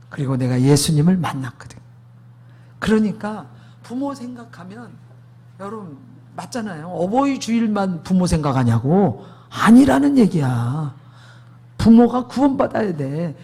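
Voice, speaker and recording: Husky-voiced man preaching with emphasis. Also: sits high, darkish tone. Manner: emphatic, asks the congregation rhetorical questions. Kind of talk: sermon testimony.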